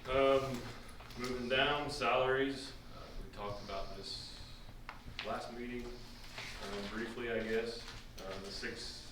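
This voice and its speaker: A man presenting a fire department budget at a village meeting, plain and halting with frequent ums. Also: medium pitch, fairly even intonation. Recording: echoey room, distant mic, noisy.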